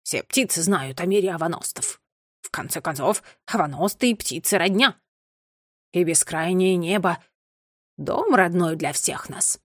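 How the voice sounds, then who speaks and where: A woman doing a smug male blackbird who thinks he knows everything, speaking low and slow with a drawl. The audiobook reading is close and dry. He talks like a lofty old gossip. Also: animated, dry recording. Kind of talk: audiobook character voice.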